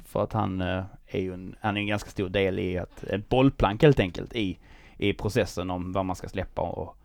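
A man's voice: low-pitched, steady tone, vocal fry, a little mellow, no echo. A man with a Skåne accent, a musician guest in casual chat, hesitant and full of fillers.

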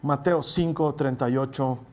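A man preaching a conversational sermon, telling humorous personal stories and slowing down to stress key points. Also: mid-range voice, steady tone, a little mellow. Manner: humorous, storytelling, slows for emphasis.

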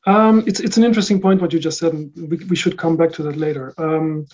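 A man's voice: fairly high pitch, fast, darkish tone, dull audio. A man who grew up in the Netherlands, answering interview questions about his work in a casual, thoughtful way with frequent fillers and restarts. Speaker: recording engineer guest.

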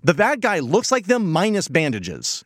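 A man's voice: high voice, huge pitch swings, normal speed, dry recording, studio quality. An American man co-hosting a podcast, giving a casual comedic recap in a rambling, incredulous manner. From United States. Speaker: podcast co-host.

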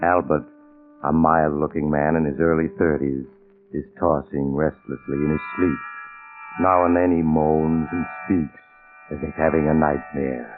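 Radio mystery host, 1940s: bottomless male bass, genially ominous, theatrical, band-limited old recording. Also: flat delivery, a little slow. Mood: ominous narration. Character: sinister, genial Mysterious Traveler inviting listeners into horror. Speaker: narrator and host of mystery show. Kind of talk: 1940s radio scripted narration. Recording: tinny old radio with loud music.

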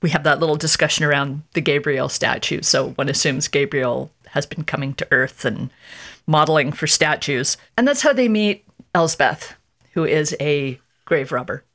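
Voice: medium pitch, normal speed, fairly bright tone. Laughing podcast host recapping scenes. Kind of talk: casual podcast discussion.

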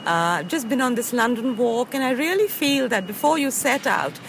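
A woman's voice: fairly high pitch, animated, normal speed, creaky. A woman from India, a walking tour participant, giving an earnest, eager recommendation outdoors. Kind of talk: short recorded recommendation. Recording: outdoor street recording with traffic noise.

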